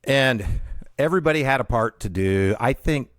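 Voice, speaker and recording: Animated male radio host telling a story. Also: medium pitch, moderate pace, no echo, clean studio sound. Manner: animated, laughs at his own story. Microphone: radio studio mic.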